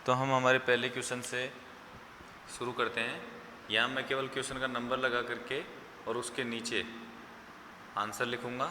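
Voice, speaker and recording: A male school teacher giving an online class lesson, explaining slowly and repeating each answer so students can write it down. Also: mid-range voice, pushed and bright. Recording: echoey room with faint background hum.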